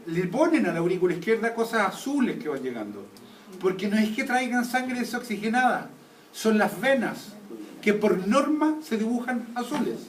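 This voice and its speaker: A man's voice: sits high, very animated, fairly quick. A man teaching an anatomy class, constantly quizzing students with check questions. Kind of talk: classroom lecture. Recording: echoey room, taped from a distance, faint noise.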